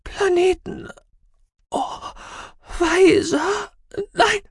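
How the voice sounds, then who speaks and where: Brief: a man plays a panicked young alien girl, shrill, croaking, wailing; audiobook. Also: extremely slow, no room sound, clean studio sound, full character voice. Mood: delirious. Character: frail, haunted girl screaming in a trance.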